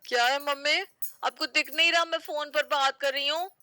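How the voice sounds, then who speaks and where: A spoiled young adult daughter in a family audio story answers curtly and impatiently, voiced by a woman. Her voice is bright and a bit high, and the recording is dry and close. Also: fairly even intonation, normal speed, dry recording. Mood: irritated. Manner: curt, impatient.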